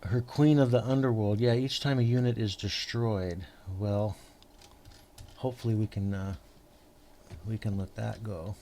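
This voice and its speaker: A man hosting a tabletop game session, patiently explaining the rules to his opponent in a halting, rambling way full of fillers and restarts. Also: on the low side, steady tone, mellow, a little hiss or hum. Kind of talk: casual tabletop game chat.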